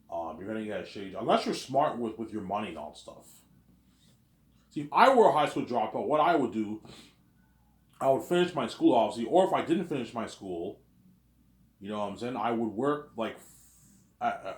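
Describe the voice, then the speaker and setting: Here a Quebecois man in his thirties, a vlogger, talks casually in a fairly low-pitched voice that echoes in the room. He rambles, repeats himself, and performs both roles in imagined dialogues.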